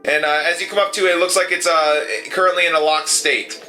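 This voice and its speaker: A man's voice: on the high side, steady tone, fast, bright, forceful tone, soft background music, rough recording. A man narrating a tabletop horror game as game master, with many fillers as he describes scenes.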